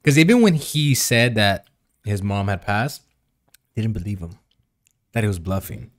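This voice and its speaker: Low-pitched young man chatting casually. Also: lively intonation, normal speed. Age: young adult. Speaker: podcast co-host. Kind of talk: casual chat. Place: small indoor studio with padded walls. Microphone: podcast microphone at the table.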